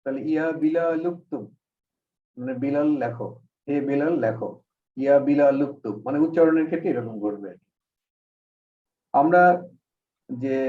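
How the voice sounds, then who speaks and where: A man teaching an online Arabic grammar class, explaining patiently step by step. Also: on the high side. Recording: echoey, distant, phone-like call audio.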